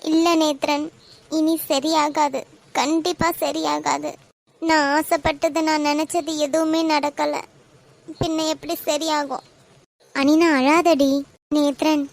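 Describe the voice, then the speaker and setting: A woman voicing young women in an animated love drama, speaking with a Kanyakumari Tamil accent in an emotional way. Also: high-pitched, slow pace, vocal fry, long pauses, heavily acted. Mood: tearful. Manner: emotional, tearful at times. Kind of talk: animated web series voice acting.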